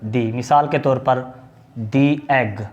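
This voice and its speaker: A man's voice: mid-range voice, slow pace, darkish tone, muffled recording. A man teaching a video grammar lesson, patiently explaining and repeating key points, asking questions and answering them himself. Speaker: English teacher.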